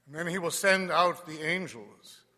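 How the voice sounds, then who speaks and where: A man, a priest, leading Mass and giving a homily in a measured, deliberate way that softens at the end of phrases, heard with a long cathedral echo. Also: on the high side. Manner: measured, deliberate, dropping softly at phrase ends. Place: large church.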